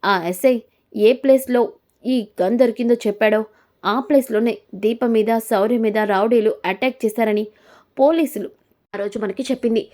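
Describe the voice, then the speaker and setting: A woman's voice: fairly high pitch, steady tone, moderate pace, mellow, natural voice. A woman voicing a grown son who firmly confronts his father and his daughter. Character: grown son, firm and accusing.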